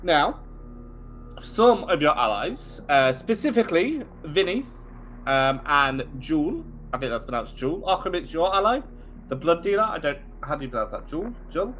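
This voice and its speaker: A man narrating as game master of a tabletop game, animated and chatty, with asides to his players. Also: on the high side, moderate pace, soft background music.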